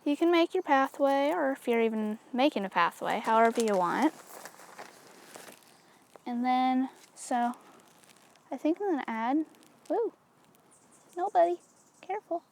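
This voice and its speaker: A woman hosting a relaxed craft tutorial, her voice sitting a little on the high side. She talks things through step by step in an easygoing, chatty way, with lots of "so" and "like." A faint hum of room noise sits behind her. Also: a little slow, pauses often. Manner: chatty and easygoing, with many fillers like "so" and "like". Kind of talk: casual step-by-step craft demonstration.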